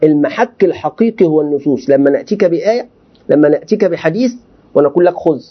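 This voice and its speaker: A sheikh teaching a class with a high, quick voice, firing questions at his students and answering them himself. The recording sounds dull and lo-fi. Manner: animated, questioning students rhetorically. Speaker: sheikh teaching Quranic commentary. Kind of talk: classroom lecture.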